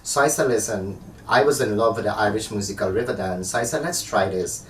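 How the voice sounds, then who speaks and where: A man's voice: fairly low pitch, a little fast. A man from Guyana, a dancer, chatting as an interview guest and telling stories with animation. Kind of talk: casual interview chat. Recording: echoey room, far from the mic, faint noise.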